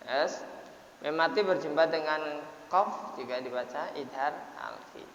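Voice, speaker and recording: A man teaching Quran recitation rules, explaining in short broken phrases and drawing words out slowly to demonstrate, often clearing his throat. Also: a little high, a bit bright. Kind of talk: tajwid lesson, explaining and modeling recitation. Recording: echoey, hissy, dull lo-fi room recording.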